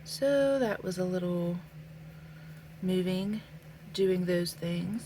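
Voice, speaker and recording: A young woman with a fairly low, dark-toned voice vlogs as she draws, speaking slowly, thoughtfully, and casually with plenty of fillers. She's a bit sniffly from a stuffy nose, and the poor audio has slight background noise.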